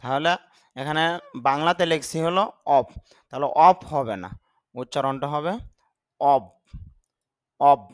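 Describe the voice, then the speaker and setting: A man's voice: a little high, moderate pace, long pauses, dry recording. A man, a Bengali speaker, teaching English vocabulary in a patient step-by-step lesson and spelling words out sound by sound.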